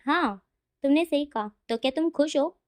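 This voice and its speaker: A woman voicing a calm, reassuring young man speaking to his new husband. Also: high voice, moderate pace.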